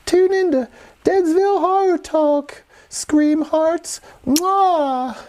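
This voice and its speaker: A man putting on a high, campy impression of a flirty woman horror-show co-host. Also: slow, a little mellow, a little hiss or hum.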